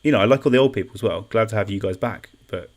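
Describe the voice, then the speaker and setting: A man's voice: lowish voice, racing, darkish tone. A young man hosting an online quiz in a chatty, self-deprecating way, reading out comments and repeating each question. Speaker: quiz host. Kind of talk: casual live-stream quiz hosting.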